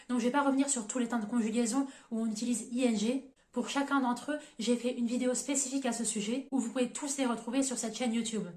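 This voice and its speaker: Woman teaching grammar in a roomy echo. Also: on the high side. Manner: methodical, spells out letters, reads examples slowly. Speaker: English teacher on her own channel. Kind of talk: explanatory grammar lesson.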